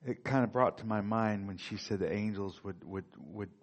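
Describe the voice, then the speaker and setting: A man's voice: on the low side, moderate pace. A man leading a church Bible study, speaking heartfelt about heaven, with casual fillers. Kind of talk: church talk and reflection.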